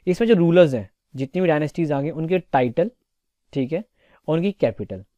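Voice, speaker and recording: A man's voice: on the high side, warm tone, dry recording, highs cut off. A young man teaching exam preparation topics in a casual, chatty lecture style, often checking in with his students. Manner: chatty, repeats "theek hai" often.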